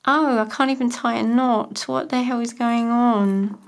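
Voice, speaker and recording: A woman's voice: fairly high pitch, steady tone, measured pace, vocal fry. A woman, chatting to herself while she crafts, often half-whispering and chuckling at herself. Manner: self-mocking, chuckling. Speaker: crafting vlogger. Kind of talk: casual talk while crafting.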